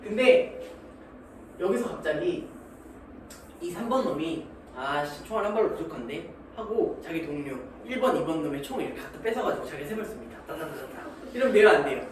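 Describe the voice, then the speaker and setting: Lively, high-voiced male math teacher, jokey and slangy, heard from far off in a roomy classroom. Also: a little fast. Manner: animated, joking, acts out little scenes; slangy, keeps checking understanding. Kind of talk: classroom lecture. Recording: echoey room from far off, noisy.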